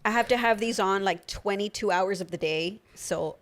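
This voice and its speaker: A woman's voice: medium pitch, moderate pace. A young woman co-hosting a podcast in casual chat, talking with a slight lisp from new dental aligners and lots of filler words. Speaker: podcast co-host.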